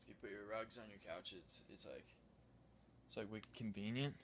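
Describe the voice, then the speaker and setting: A man's voice: on the low side, normal speed, slight background noise, close to an everyday voice. A young man playing a boastful, clueless slacker who rambles proudly through a tour of his cluttered basement. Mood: smug, rambling. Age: young adult. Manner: laid-back, rambling, proud, says "wicked convenient" over and over. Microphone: handheld phone camera held by the other man.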